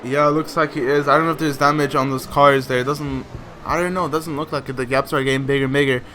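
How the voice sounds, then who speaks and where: A man commentating a sim racing league race, excitable and full of fillers. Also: medium pitch, quick pace, slight background noise.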